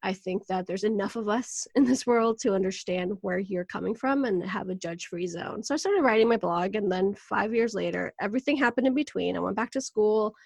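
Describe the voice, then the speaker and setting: A woman's voice: medium pitch, fairly quick, creaky, hardly any pauses, dry recording. Venezuelan-born woman, 30s, chatty and open, laughs a lot, dry close mic. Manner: candid, animated, laughs often. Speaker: podcast guest, wellness coach. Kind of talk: casual interview talk.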